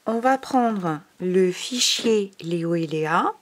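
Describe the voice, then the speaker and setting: Woman teacher, lowish voice, unhurried, patient early-reading lesson with clearly sounded syllables. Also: lively intonation. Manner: patient, explaining step by step; slow, careful enunciation of syllables. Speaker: primary school teacher. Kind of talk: recorded reading lesson for young pupils.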